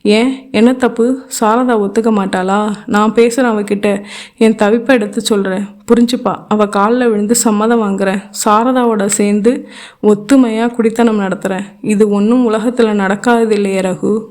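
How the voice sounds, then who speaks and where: A woman's voice: mid-range voice, steady tone, moderate pace, a little mellow, close to an everyday voice. A woman reading an audio novel, voicing a heartbroken young divorced woman who pleads in a tearful, impassioned way. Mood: pleading.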